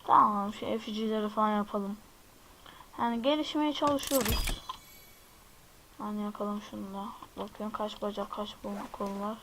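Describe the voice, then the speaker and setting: A man's voice: high-pitched, fairly even intonation, a little slow, noisy background. A man casually commenting while playing a game, talking to his viewers and exclaiming whenever something startles him. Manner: chatty, jumpy, exclaims at surprises and addresses viewers. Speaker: gaming video host. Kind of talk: casual let's-play commentary.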